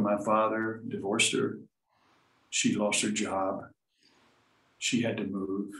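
A man's voice: fairly low pitch, reverberant, far from the mic, poor audio. A man who runs a gong chamber, telling a story at an easy pace, humble, and acting out the people he quotes. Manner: unhurried, humble, acts out the people in his story. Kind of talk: casual storytelling.

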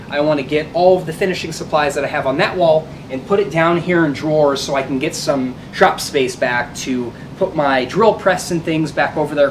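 A man giving a relaxed, rambling walkthrough of his home basement workshop, with lots of ums and uhs, recorded on a camera mic. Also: medium pitch, noisy background. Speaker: guitar builder showing his workshop.

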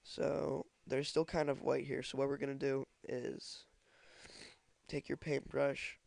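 A young man with a stuffy cold, hesitantly talking through a software tutorial with many ums and uhs. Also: medium pitch, flat delivery, measured pace, vocal fry, no room sound. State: congested from a cold. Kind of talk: screen-recorded tutorial.

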